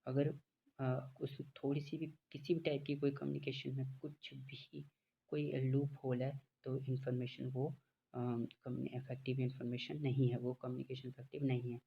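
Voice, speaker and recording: A man gives a lecture in a flat, gravelly voice, pausing often with fillers and reading definitions very slowly. The recording is dull and lo-fi, with faint noise behind him. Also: medium pitch. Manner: explains slowly with many fillers, reads English lines very slowly. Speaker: teacher. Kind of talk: classroom lecture.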